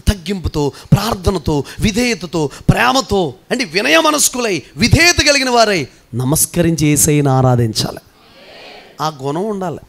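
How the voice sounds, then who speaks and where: High-pitched guy preaching a lively sermon, teasing the crowd and getting them to shout answers back. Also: gravelly. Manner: animated, teasing, calls for responses from the congregation. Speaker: pastor.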